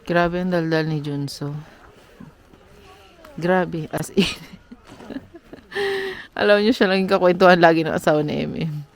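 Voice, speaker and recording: A woman's voice: fairly low pitch, unhurried, pauses often. A woman in her thirties from the Philippines, a mom and vlogger chatting casually and telling stories with lots of laughter. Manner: chatty, animated storyteller who laughs often. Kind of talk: casual storytelling vlog.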